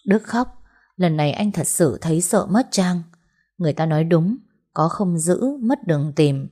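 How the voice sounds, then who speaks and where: A woman narrating an audiobook story in a steady, unhurried way. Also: fairly low pitch.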